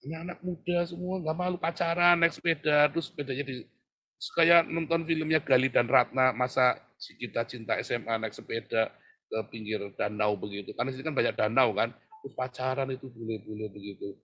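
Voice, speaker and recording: Pengkhotbah pria bersuara serak, bergairah. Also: male voice, mid-range voice, a little fast. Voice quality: husky. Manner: animated, swings from hushed prayer to loud exhortation; laughs often, addresses congregation as "Saudara". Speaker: preacher. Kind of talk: sermon.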